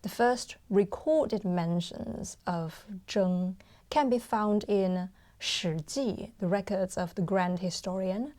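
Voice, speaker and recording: A woman's voice: medium pitch, takes it slowly, mellow. A young woman from China, a guzheng performer, answering interview questions thoughtfully with frequent ums.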